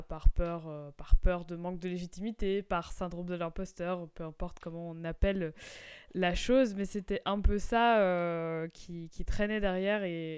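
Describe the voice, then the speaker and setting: Chatty woman with smooth voice. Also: fairly low pitch, darkish tone. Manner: chatty, many fillers and restarts. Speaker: podcast host and business coach. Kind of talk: casual solo podcast talk.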